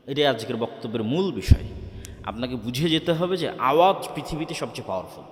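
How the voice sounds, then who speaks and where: A man's voice: a little high, a bit bright. A male preacher addressing a crowd at a religious gathering. He asks questions, answers them himself and keeps repeating his key words. His voice rings through a roomy space with a long, trailing reverb. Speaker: Islamic preacher. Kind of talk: sermon to a live gathering. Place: open-air religious gathering with a PA system. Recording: echoey hall with long reverb.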